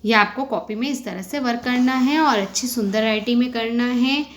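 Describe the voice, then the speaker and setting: A woman's voice: on the high side, normal speed, a little hiss or hum. A woman teaching a kindergarten reading lesson, sounding out syllables one at a time and asking questions as she goes. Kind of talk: slow spelled-out phonics lesson.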